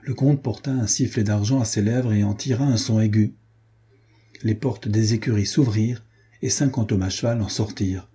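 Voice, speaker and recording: A man reading a historical novel aloud in steady, measured scripted narration. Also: fairly low pitch, slightly rough. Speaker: audiobook narrator.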